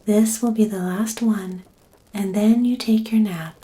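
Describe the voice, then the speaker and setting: A woman voicing a kindly, indulgent storybook grandmother in a gentle, breathy, soft voice. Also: medium pitch, steady tone, unhurried, natural voice, poor audio. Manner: gentle, reassuring.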